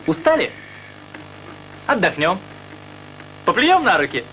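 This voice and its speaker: An actor playing a wry, teasing young brother in a theatrical comedy film. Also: male voice, high-pitched, big pitch swings, takes it slowly, bright, forceful tone, a little hiss or hum, exaggerated voice, low-quality recording. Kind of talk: theatrical comic film acting.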